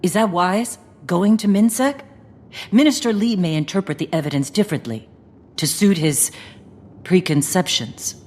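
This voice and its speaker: A dry, composed female investigator from a video game. Her lowish voice moves expressively and carries a hall reverb. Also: animated, moderate pace, a little mellow. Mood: wary.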